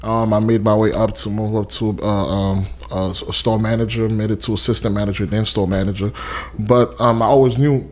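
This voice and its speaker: A young man from Haiti tells his story in a relaxed interview. His voice sits fairly low, and he rambles with plenty of fillers and restarts. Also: fairly quick. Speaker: interview guest, custom suit maker. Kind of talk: casual interview.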